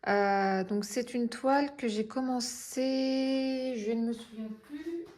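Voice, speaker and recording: A woman in a casual, chatty review vlog, talking through her finished diamond painting in a relaxed way, with many hesitations and self-corrections. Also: a little high, slow.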